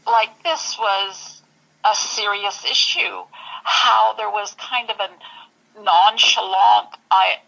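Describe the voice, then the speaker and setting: A woman telling her personal story in an interview, halting and searching for words. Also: medium pitch, vocal fry, a bit bright, dull audio. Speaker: interview guest.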